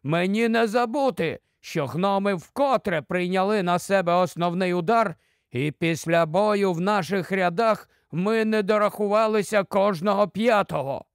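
A man voicing a bitter, angry male dwarf who shouts and sneers, in an audiobook. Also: sits high, moderate pace, no room sound, clean studio sound, voice pushed up. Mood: angry, sneering.

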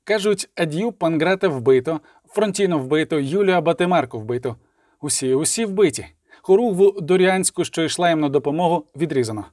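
A man voicing an army messenger in a storybook reading, delivering a hurried battlefield report. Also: on the high side, expressive, a little mellow, no room sound, clean studio sound, natural voice. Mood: urgent. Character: urgent male army messenger.

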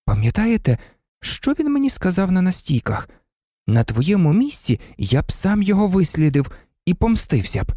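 A man's voice: high-pitched, very animated, moderate pace, mellow, no echo, studio quality, voice pushed up. A man voicing a stubborn, bitter teenage boy who talks grimly. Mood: brooding. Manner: stubborn, grim.

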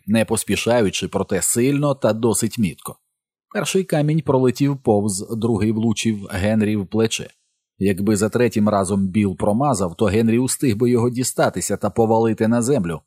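Male audiobook narrator, steady measured reading, mellow dark timbre, dry close sound. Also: lowish voice, no echo. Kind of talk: scripted narration.

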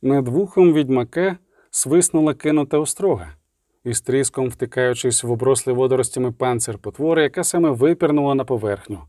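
A man's voice: mid-range voice, brisk, warm tone, no room sound. Man reading a dry, close audiobook. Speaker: narrator. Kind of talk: audiobook narration.

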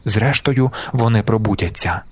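A man narrating an audiobook in a measured, deliberate way, slowing down for emphasis. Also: fairly low pitch, a little mellow, breathy edge, dry recording. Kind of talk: scripted narration.

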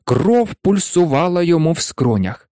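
A man narrating a storybook aloud in an expressive, dramatic reading. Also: fairly high pitch, normal speed, no room sound. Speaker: audiobook narrator. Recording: dry close recording.

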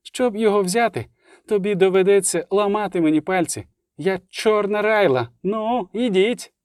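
A man voicing a fierce woman mercenary who shouts defiant battle cries. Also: sits high, big pitch swings, brisk, dry recording, voice pushed up.

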